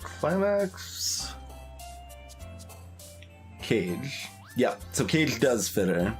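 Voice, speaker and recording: Extremely slow yet very animated, a mid-range male voice offers casual live commentary on a game. The streamer muses hesitantly and drifts off mid-thought while game music plays.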